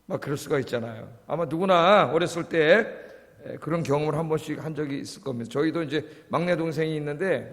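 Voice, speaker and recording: Chatty middle-aged pastor in an echoey church. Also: male voice, fairly high pitch. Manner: conversational, keeps prompting the congregation with quick asides. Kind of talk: sermon. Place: church sanctuary. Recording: echoey church hall with long reverb.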